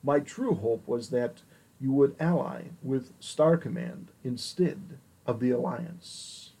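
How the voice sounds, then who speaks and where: A man's voice: mid-range voice, slow pace, creaky, dark tone, slightly rough, full character voice, low-quality recording. A man voicing a devout male ambassador who speaks earnestly and formally in an audiobook reading. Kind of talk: audiobook character voice.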